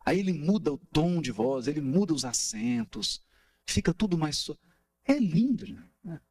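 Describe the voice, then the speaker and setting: A man's voice: a little high, normal speed, creaky. A man giving an explanatory talk to a study group, asking rhetorical questions and tapping out rhythms as he goes. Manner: animated, asks rhetorical questions, taps out rhythms.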